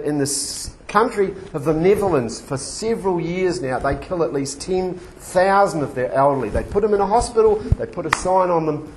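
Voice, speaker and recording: A man with a slightly high voice gives a sermon that works like a lecture. He talks in a halting, discursive way, restarting and correcting himself as he explains. The recording has some noise and small clicks behind him. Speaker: preacher giving a teaching. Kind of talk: sermon-like lecture with quotations read out. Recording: clearly noisy recording with clicks.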